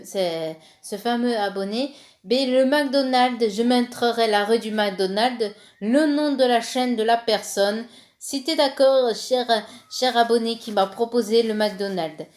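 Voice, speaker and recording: Chatty woman vlogger, fairly high voice. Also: darkish tone. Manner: rambling, teasing, chatty. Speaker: channel host. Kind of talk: casual vlog chat.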